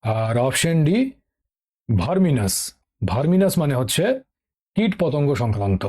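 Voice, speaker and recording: A man's voice: medium pitch, big pitch swings, normal speed, a little mellow. A middle-aged man teaching English vocabulary for exam prep in an online lesson, speaking with a Bengali accent. He is patient and repeats key words, often checking with "ঠিক আছে?".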